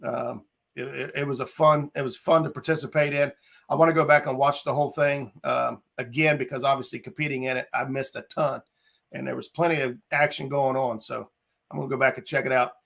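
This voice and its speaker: A man's voice: mid-range voice, steady tone, a little fast, vocal fry, fairly bright tone. A man hosting a casual fishing chat show, talking in a friendly, filler-heavy way and greeting viewers by name. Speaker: podcast host.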